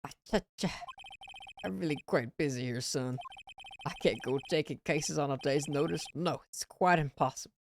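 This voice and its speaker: A woman voicing a pompous older male lawyer who hems, haws and clears his throat evasively. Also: low voice, moderate pace, background noise. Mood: stuffy.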